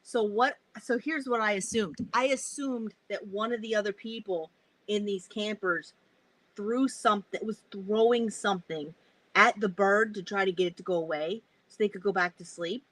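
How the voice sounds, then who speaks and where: A woman's voice: medium pitch, normal speed, no echo, poor audio. A woman vlogging from a camper, telling a story casually, swearing often and acting out her own reactions. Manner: animated, swears a lot, acts out her reactions. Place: inside a camper.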